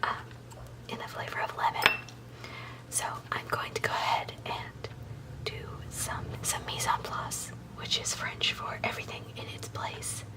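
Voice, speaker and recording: A woman hosting an ASMR recipe video, speaking in a soft, unvoiced whisper as she explains each step in a chatty way. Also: moderate pace, distant mic, poor audio. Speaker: video host.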